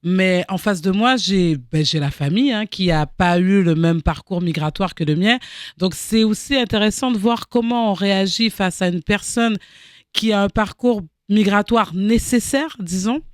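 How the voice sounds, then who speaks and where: A woman's voice: medium pitch, moderate pace, no echo, clean studio sound. A woman born in Haiti, speaking as a talk-show guest about her theatre work in a thoughtful way, often hesitating and repeating words. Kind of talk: reflective talk-show interview.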